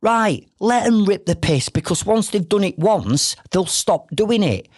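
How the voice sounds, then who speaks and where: Slightly slow and with lively intonation, a high-sitting male voice carries a Yorkshire accent from Northern England. This middle-aged podcast host runs a solo business show, making his case directly and persuasively with plenty of rhetorical questions. The sound is dry and of studio quality.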